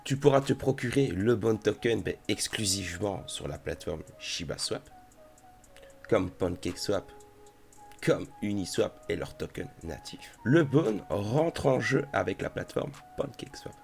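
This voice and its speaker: A man walks the viewer through a crypto platform in a casual, chummy tutorial. His voice sits low and has a gravelly, creaky edge. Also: animated, a little slow, faint music behind. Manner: chatty, addresses viewer familiarly. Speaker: crypto YouTuber.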